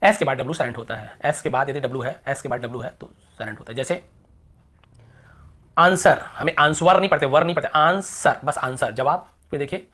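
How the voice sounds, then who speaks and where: Fast-talking man teaching English spelling. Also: mid-range voice, fairly bright tone, breathy edge. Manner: rapid, repetitive, drawing out example words. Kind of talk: classroom lesson explaining spelling rules.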